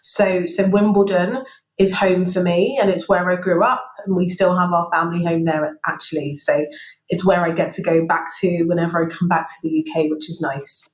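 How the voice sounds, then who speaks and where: A low-voiced woman from London talks thoughtfully as an interview guest, with fillers and small laughs. Her remote call audio sounds roomy and echoey. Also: fairly even intonation, normal speed. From England (London). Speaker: guest, business partner. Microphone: remote call recording.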